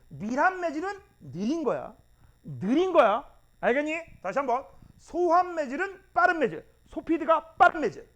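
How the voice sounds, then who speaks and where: A man's voice: very high-pitched, fairly bright tone. A male physics teacher lecturing students in a blunt, teasing way and drilling terms by repeating them. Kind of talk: classroom lecture.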